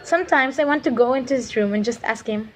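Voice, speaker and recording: A woman's voice: on the high side, fast, close to an everyday voice. A woman playing a weary Filipino immigrant mother. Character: tired Filipino immigrant mother working a shop counter. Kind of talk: student dramatic reading.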